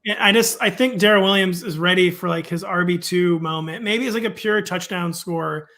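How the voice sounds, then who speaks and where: A man's voice: high voice, moderate pace, pushed and bright. A man from the St. Louis suburbs talking fantasy football in a casual chat, full of "like" fillers.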